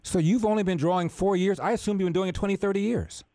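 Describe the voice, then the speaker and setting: A man hosting a talk radio interview, speaking in a measured, conversational way with occasional fillers. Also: sits high, dark tone, no echo. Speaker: radio talk show host.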